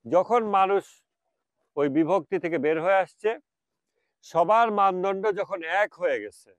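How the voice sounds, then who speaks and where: A man's voice: sits high, no room sound. Bangladeshi man, reflective talk, dry sound. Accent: Bangladeshi Bengali. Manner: mixes English phrases, stretches them out slowly. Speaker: speaker.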